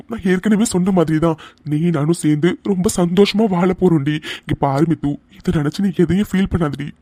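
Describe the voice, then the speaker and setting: A devoted young husband in a cartoon love story, coaxing his wife one moment and breaking down the next. A performer gives him a mid-range, mellow voice. The sound is dry and close. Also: mid-range voice, no room sound, natural voice. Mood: hurt pleading. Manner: coaxing, then breaking into tears. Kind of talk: cartoon voice acting.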